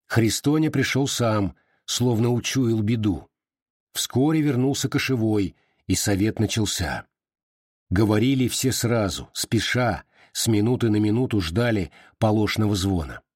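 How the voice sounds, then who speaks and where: A man reading a classic novel aloud as audiobook narrator, steady and even. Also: fairly low pitch, unhurried, husky, no room sound, clean studio sound.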